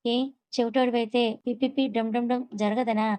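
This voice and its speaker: A woman's voice: on the high side, level tone, brisk, warm tone, natural voice, low-quality recording. A woman voicing a chatty, nosy young woman in a storybook reading.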